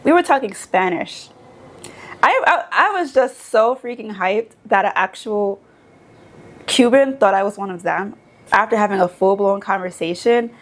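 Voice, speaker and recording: A young American woman chatting in a casual vlog. She talks in an animated, rambling way and fills her sentences with fillers. Her pitch sits in the middle range. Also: moderate pace. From United States. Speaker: vlogger. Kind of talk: casual chat.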